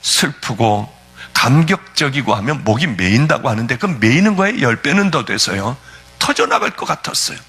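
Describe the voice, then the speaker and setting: A man's voice: medium pitch, sing-song, normal speed, pushed and bright, breathy edge. A male pastor giving a fervent, emotional testimony sermon, telling his story with sudden swings of feeling.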